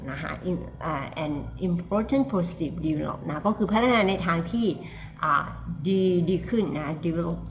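A woman teaches English pronunciation, explaining in Thai and stretching each English phrase out slowly for her students. Her voice sits a little low and her pace is very unhurried. A faint hiss lies under the recording. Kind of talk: language lesson, repeating phrases slowly.

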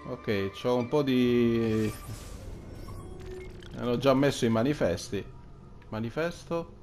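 A man's voice: medium pitch, takes it slowly, darkish tone. A man giving casual gameplay commentary, muttering to himself in short phrases. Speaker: video game player. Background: game music.

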